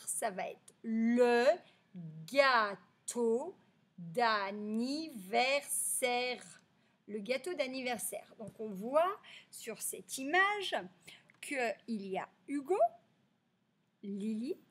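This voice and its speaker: A woman teacher giving a slow, clearly articulated reading lesson for young children, stretching out key words. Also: fairly high pitch.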